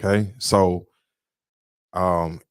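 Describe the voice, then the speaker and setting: Deep-voiced lecturing man, emphatic. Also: little pitch movement, extremely slow, clear, resonant tone, dry recording, studio quality. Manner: emphatic, lecturing, repeats points. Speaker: podcast co-host. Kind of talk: casual political talk.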